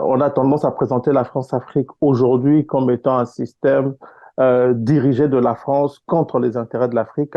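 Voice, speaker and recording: Guest, male, from Congo, measured explainer with hesitations, dull lo-fi call sound, dry. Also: medium pitch, vocal fry, warm tone, no echo. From Congo (DRC). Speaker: guest author. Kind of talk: interview answers. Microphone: online call.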